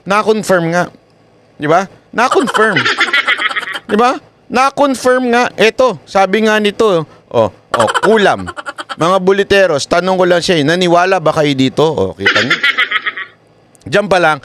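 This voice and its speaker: Animated man doing live commentary. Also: sits high, background noise. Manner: animated, keeps asking "di ba?". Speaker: online news commentator.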